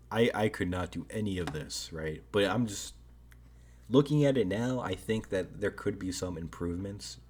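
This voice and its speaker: A man with a low, husky voice talks through his thoughts in loose, off-the-cuff commentary. He hedges and rambles, often ending a thought with a questioning tag. The delivery is relaxed and unscripted. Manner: rambling, hedging, frequent "right?" tags. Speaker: strategy game commentator. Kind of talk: casual video commentary.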